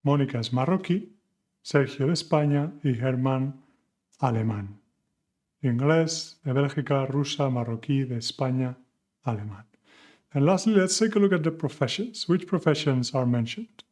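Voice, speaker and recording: At a moderate pace, a man with a mid-range, slightly mellow voice walks beginners through a Spanish lesson. He patiently asks questions, answers them himself, and mixes English with Spanish.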